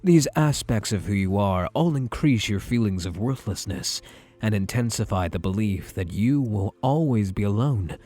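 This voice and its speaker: In a scripted ASMR roleplay monologue addressed to the listener, a male voice actor plays a possessive male psychiatrist. His low, husky voice moves through a wide, lively melody as he speaks measured, soothing clinical phrases with quiet self-assurance. Faint music sits beneath him.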